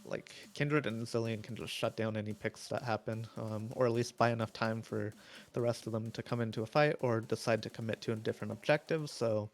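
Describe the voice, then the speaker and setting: A man giving live esports draft analysis, chatty and opinionated with many fillers, his voice going hoarse. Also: lowish voice, fairly even intonation, brisk. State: losing his voice.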